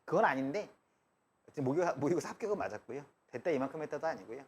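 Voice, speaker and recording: A man's voice: fairly high pitch, big pitch swings, very fast, slightly rough. A man teaching math in a live classroom lecture, chatty and joking, drifting between asides and explanation. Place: lecture room.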